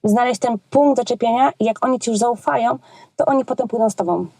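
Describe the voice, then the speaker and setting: Chatty warm-voiced Polish woman. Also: a little high, fast talker, dry recording. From Poland. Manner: chatty and colloquial, frequent hesitations. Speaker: children's entertainer, guest. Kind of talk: casual interview chat.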